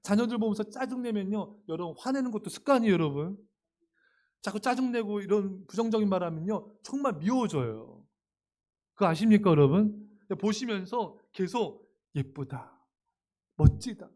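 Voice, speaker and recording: Male pastor, sermon, high voice, animated, talks directly to the congregation, acts out quotes with humor. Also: moderate pace. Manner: addresses the congregation directly and often.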